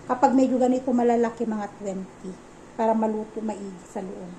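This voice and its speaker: A woman's voice: on the high side, brisk, noisy background. A woman vlogging casually at home, chatting and mixing English phrases into her talk. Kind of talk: casual home vlog narration.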